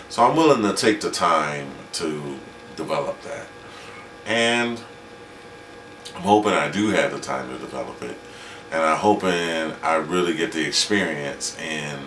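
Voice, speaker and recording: A man in his late forties talking through a personal video diary from his kitchen, halting and reflective with many restarts. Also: extremely low pitch, fairly bright tone, reverberant, far from the mic, a little hiss or hum. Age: 40s. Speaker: independent filmmaker and vlogger.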